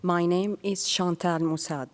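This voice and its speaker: A woman from Syria giving a prepared speech to an audience in measured, earnest phrases. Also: on the low side, fairly even intonation, big-room sound. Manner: slow and measured, with earnest pauses. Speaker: speaker sharing her career story.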